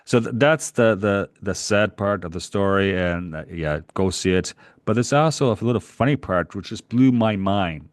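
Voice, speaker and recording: At a moderate pace, a middle-aged man from Canada with a low, deep voice shares an extended travel anecdote as a podcast co-host. It's casual and animated, with rambling and chuckling. The sound is dry and close, free of room echo.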